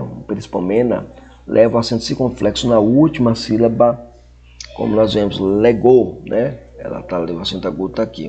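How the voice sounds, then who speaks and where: Low-voiced Brazilian man teaching a lesson. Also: creaky, darkish tone, husky. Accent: Brazilian Portuguese. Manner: repeats words slowly for drilling, frequent tag questions. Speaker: Greek language teacher. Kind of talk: recorded classroom lecture.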